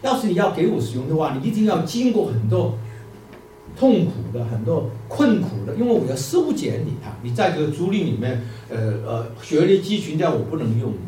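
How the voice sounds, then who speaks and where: A man's voice: fairly high pitch, very animated, brisk, warm tone, slight background noise. A man voicing the Lord as a stern, patient master who lays out his demands in a sermon parable. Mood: firm. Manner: firm, explaining. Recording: echoey room, distant mic, faint music.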